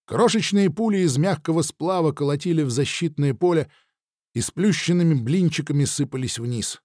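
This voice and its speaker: A man narrating a sci-fi audiobook in the first person, with an expressive, dramatic delivery. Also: a little high, moderate pace, no echo, studio quality.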